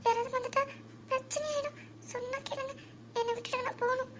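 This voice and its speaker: A woman's voice: extremely high pitch, steady tone, fast, heavy background noise. A woman voicing a shy, frightened young woman in a cartoon, nervous and pleading. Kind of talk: cartoon voice acting.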